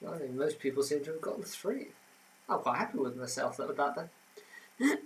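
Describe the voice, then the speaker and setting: A man's voice: a little high, lively intonation, normal speed, slight background noise, rough recording. A man hosting a casual home quiz, reading answers and adding trivia with frequent fillers. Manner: chatty, reads answers then adds trivia with many fillers. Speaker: quiz host.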